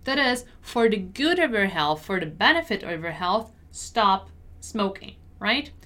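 A woman's voice: medium pitch, big pitch swings, measured pace, a bit bright. A woman teaching English, repeating example sentences and checking understanding with "right?". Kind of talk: language lesson explaining phrases.

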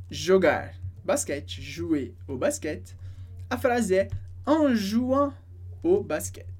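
A woman teaching French, explaining a dialogue line by line and repeating each phrase slowly and carefully. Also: medium pitch, a little mellow, breathy edge.

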